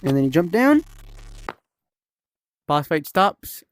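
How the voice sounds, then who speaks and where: A man's voice: fairly high pitch, very animated, slow, a little hiss or hum. A young man casually narrating his progress building a level in a VR game, chatty and rambling, often correcting himself. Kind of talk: casual gaming vlog narration.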